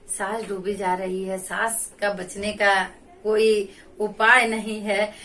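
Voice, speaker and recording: A woman with a medium-pitched, fairly bright voice tells a devotional folk tale, retelling it slowly and repeating her phrases. She is heard from a distance, off the mic, in this religious storytelling.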